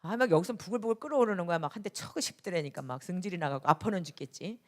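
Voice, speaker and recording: A middle-aged woman pastor preaching a sermon, who swings between loud emphatic bursts and soft hushed asides and acts out the lines of people in her stories. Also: fairly low pitch, lively intonation, fast talker. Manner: acts out quoted dialogue in anecdotes.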